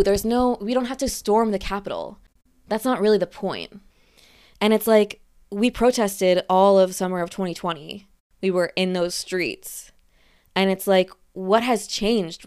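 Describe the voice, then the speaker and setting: A young woman holds a casual, rambling rant, frustrated and a little out of breath, laughing between her points. Her voice is smooth and clear, pitched at a middling height. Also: darkish tone. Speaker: freelancer venting on camera.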